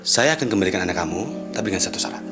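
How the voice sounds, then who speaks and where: An actor playing a sleazy male captor who talks slowly and leeringly in a low voice. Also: animated, over music.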